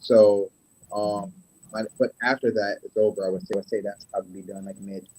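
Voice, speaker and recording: A man's voice: fairly low pitch, level tone, fairly quick, a little mellow, rough recording. A young man chatting casually as a guest on a video call, with many fillers and tag questions, his audio cutting in and out so the volume keeps jumping. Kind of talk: casual chat.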